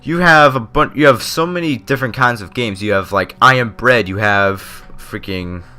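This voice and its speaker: Still numb in the lip from dental Novocaine, a man gives loose, unscripted gaming opinions, tripping over words now and then, his speech slightly off. He's a gaming video creator with a mid-range, sharp-toned voice at normal speed.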